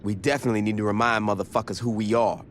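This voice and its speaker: Brief: male actor as a dry, terse gang boss, lowish voice, faint ambience behind, game cutscene. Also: steady tone, rapid-fire, slight background noise, close to an everyday voice. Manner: terse, dry, street slang. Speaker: game protagonist.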